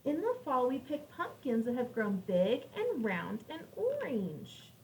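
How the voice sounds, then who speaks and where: A woman teacher reads aloud to young children, explaining things in simple words and asking her listeners questions. Her voice is high and sing-song, a little slow and a little mellow. The microphone is distant, picking up faint background noise.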